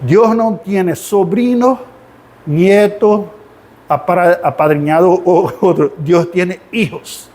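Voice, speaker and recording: A man teaching a Sunday school Bible class in an animated way, often asking the class rhetorical questions. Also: high-pitched, slow pace. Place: church classroom.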